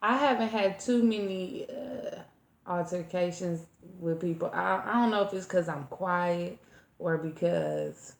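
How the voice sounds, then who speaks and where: A woman's voice: on the low side, unhurried, gravelly. A woman co-hosting a podcast, telling a story in a laid-back, profane way, trailing off and starting over. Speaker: podcast co-host. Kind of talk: casual storytelling chat. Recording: echoey room.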